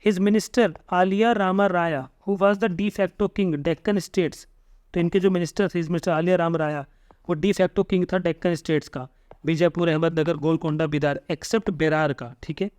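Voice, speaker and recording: A young man teaching an exam-prep history lesson, reading notes slowly, then explaining them quickly and stumbling over hard names. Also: high-pitched, steady tone, darkish tone, dry recording. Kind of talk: lecture reading notes aloud, explaining in mixed Hindi and English.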